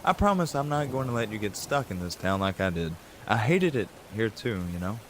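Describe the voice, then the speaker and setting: A man's voice: fairly low pitch, big pitch swings, a little fast, fairly bright tone. A man voicing a worried, protective middle-aged mother who scolds in an exasperated way. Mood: pleading. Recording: rain and thunder noise behind.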